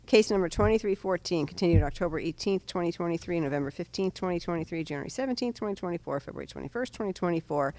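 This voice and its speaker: Nasal woman reading notices aloud. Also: on the low side. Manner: brisk monotone reading of dates and legal text. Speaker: board clerk. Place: town hall meeting room.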